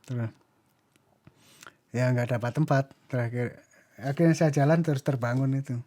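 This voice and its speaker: Brief: male interview guest, mellow and reflective, acts out quotes within his story. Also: medium pitch, normal speed. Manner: reflective, mixing in English phrases, acting out dialogue. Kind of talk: recounting a personal story in conversation.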